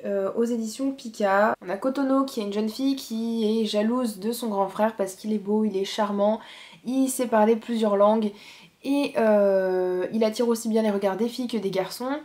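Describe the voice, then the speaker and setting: A young woman talks casually to her viewers about books she wants to read. Her delivery is relaxed and chatty, full of small hesitations and fillers, at a middling pitch. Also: moderate pace. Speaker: manga vlogger. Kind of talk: casual book review chat.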